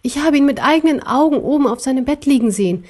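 A timid, curious man in a fairy-tale storybook, read by a woman, asking hesitant questions. The voice stays fairly high and light. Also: lively intonation, fast, a little mellow.

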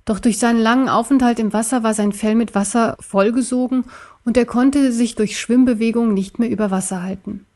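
A woman reading a children's story aloud in a calm, even storytelling manner, sometimes dropping to a soft whisper. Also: fairly high pitch, brisk. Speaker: story narrator.

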